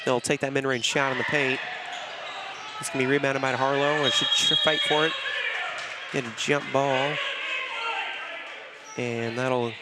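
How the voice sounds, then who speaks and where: A man calling live basketball play-by-play in a brisk, steady way, leaning on "it's gonna be" over and over. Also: mid-range voice. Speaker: play-by-play announcer. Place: school gymnasium during a game. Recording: loud gym noise with bouncing balls.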